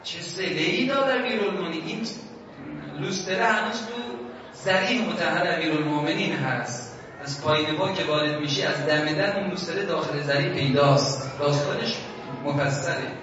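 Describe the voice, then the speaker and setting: High bright preacher in echoing hall. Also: male voice, noisy background. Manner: dramatic storytelling that chants verse lines slowly. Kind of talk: storytelling sermon. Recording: echoey hall, distant dull mic.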